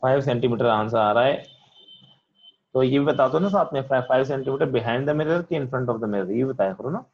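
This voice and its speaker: A physics teacher speaking, leading an online class in a loud voice that he says is straining from all the shouting. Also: mid-range voice, moderate pace, highs cut off. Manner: talks loudly to students, says he is shouting. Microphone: computer mic on video call.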